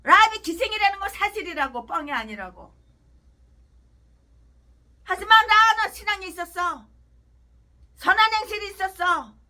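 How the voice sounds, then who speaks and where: A woman pastor delivering an angry preaching rant, trading crude insults and swinging between shouts and low mutters. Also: animated, normal speed, long pauses.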